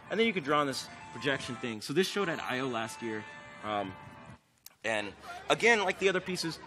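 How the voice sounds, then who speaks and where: A man giving a casual, enthusiastic conference talk on stage, full of "like" and "um". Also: mid-range voice. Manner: enthusiastic, filler-heavy, many "like"s. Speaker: conference speaker. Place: conference stage before an audience.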